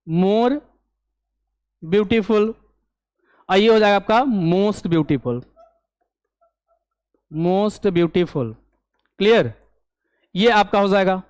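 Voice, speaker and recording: A man teaching an English grammar lesson for an exam, explaining step by step and often asking if it is clear. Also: sits high, dry recording. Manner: explains step by step, keeps asking "clear?" and answering his own questions.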